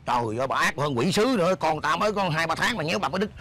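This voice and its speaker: An actor playing a scheming, bossy beggar husband in a comedy sketch, scolding in loud banter. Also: male voice, a little high, lively intonation, very fast. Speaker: comic actor.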